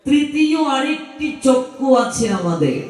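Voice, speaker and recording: A man with a Bangladeshi Bengali accent preaching a devotional sermon, asking rhetorical questions and chanting Sanskrit mantras slowly. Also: very high-pitched, sing-song. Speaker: scripture reader and preacher. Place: open-air festival ground at an ashram. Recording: very echoey, distant PA sound.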